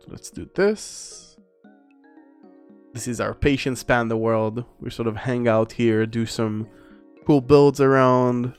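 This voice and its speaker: A man's voice: mid-range voice, a little mellow, smooth. A man casually commentating a game livestream, rambling and reading viewer chat aloud, with faint music behind him. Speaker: gaming streamer. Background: faint background music.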